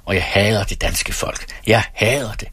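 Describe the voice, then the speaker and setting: A man voicing a drunk, boastful, hot-tempered estate steward who talks loudly and haughtily. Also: fairly low pitch, husky, no room sound. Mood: ranting. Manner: loud and haughty.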